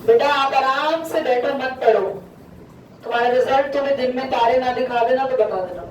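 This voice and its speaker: A woman's voice: high voice, moderate pace, a little hiss or hum. A woman maths teacher giving a classroom lesson, scolding students and mixing Hindi with English. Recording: echoey room from far off.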